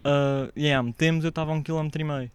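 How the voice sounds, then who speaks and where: Um homem jovem com sotaque português europeu, a contar uma história numa conversa descontraída de podcast, imitando as falas dos outros com animação. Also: male voice, fairly high pitch, rapid-fire, a little hiss or hum. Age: young adult. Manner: animated storytelling, acts out shouted quotes. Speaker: podcast guest telling a story. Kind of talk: casual podcast chat.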